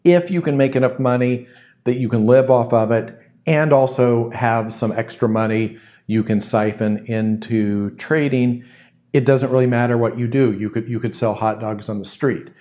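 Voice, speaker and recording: A man's voice: mid-range voice, fairly even intonation, normal speed, dark tone. Thoughtful male podcast host, slightly muffled. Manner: thoughtful, repeats words while thinking. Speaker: podcast host answering a listener question. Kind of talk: solo podcast monologue. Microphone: studio microphone close to the mouth.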